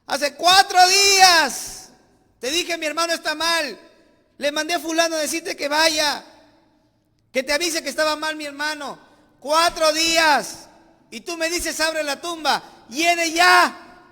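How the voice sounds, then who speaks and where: A man's voice: very high-pitched, monotone, normal speed, creaky, voice pushed up. A pastor voicing a grieving woman who pleads with her teacher and then cries out, in a reverberant church hall. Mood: pleading.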